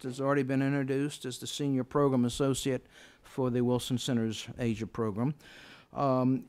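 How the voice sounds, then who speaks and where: A man moderating a formal event, introducing speakers in a hesitant, halting way. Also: medium pitch, a little mellow, clear, resonant tone.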